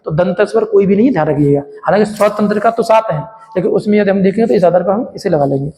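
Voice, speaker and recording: A man's voice: high voice, fast talker, mellow, big-room sound, slight background noise. A man teaching a Hindi exam-prep lesson from a diagram, repeating each term as a question and answer to his students. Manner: addresses viewers as friends, explains with a diagram.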